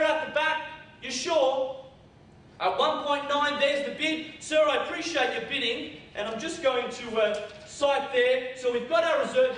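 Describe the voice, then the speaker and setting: Casting: young male auctioneer, very high energetic voice, bid-spotter patter coaxing a room, very echoey distant recording. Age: young adult. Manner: projected, energetic delivery to a room. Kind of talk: live auction calling. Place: conference room with seated audience. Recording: very echoey room, distant mic, faint noise.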